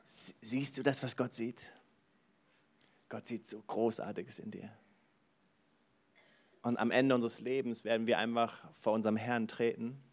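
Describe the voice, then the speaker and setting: Animated male preacher, dynamic swings. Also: medium pitch, measured pace, pauses often. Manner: animated, swings from soft asides to loud exclamations; says "wow" often. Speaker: pastor. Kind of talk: sermon.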